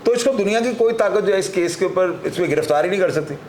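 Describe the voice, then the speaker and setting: A man's voice: high voice, expressive, quick pace, a little mellow. Emphatic Pakistani man lecturing on law. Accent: Pakistani Urdu. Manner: lecturing, emphatic, frequent filler 'jo hai na'. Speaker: senior crime analyst. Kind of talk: explanatory talk-show commentary. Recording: echoey room with faint noise.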